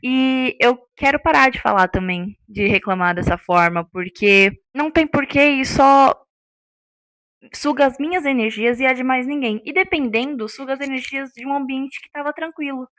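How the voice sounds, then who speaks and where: A young woman talks off the cuff in a casual vlog. Her voice sits a little high, and she keeps checking in with her listeners. The sound is dry and close, with no room around it. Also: moderate pace, fairly bright tone, no echo. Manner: chatty, checks in with listeners often. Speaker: vlogger. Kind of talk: unscripted casual vlog talk.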